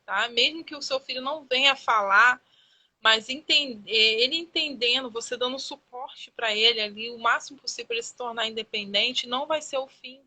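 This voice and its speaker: A Brazilian woman speaks in a fairly high, vivid, ringing voice, a guest on a live-stream conversation. She tells stories with animation, often imitating her young son's words as she goes. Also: fairly quick, low-quality recording. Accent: Brazilian Portuguese. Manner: animated storytelling, acting out her child's words. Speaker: guest mother.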